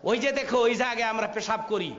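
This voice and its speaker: উঁচু গলার বাংলা ওয়াজ বক্তা, প্রতিধ্বনিময় recording. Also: male voice, extremely high pitch, quick pace, a bit bright. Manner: acts out quoted figures, sings Arabic phrases, calls for responses. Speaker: preacher. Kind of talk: Bengali waz sermon. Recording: lo-fi echoey recording of a sermon.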